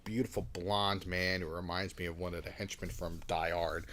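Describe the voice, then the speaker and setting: A man's voice: deep voice, little pitch movement, moderate pace, a bit bright, slight background noise. A man co-hosting a podcast, casually and animatedly retelling film scenes and swearing freely. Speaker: podcast co-host. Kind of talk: casual chat.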